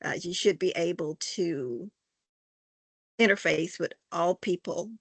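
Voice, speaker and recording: Gravelly older woman, halting. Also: fairly low pitch, no room sound. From Arkansas. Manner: halting, filler-heavy, folksy. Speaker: interviewee, church member. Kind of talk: casual conversation.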